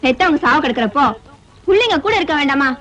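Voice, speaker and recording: An actress playing a gossipy, naive young woman in an old film, chatty and quick to spread news. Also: high voice, animated, fairly bright tone. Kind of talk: 1980s film dialogue. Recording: dull old film soundtrack with music.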